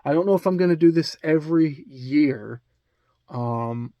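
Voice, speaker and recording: A man's voice: on the high side, unhurried, dull audio. A man with an Alabama accent talks casually about his comic book collection, rambling with lots of ums and restarts. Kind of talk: casual video chat.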